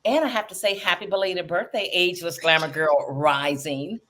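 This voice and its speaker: Effusive low-voiced woman host in her fifties. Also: normal speed, fairly bright tone. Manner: effusive and enthusiastic, with gushing exclamations. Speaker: podcast host. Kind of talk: podcast interview.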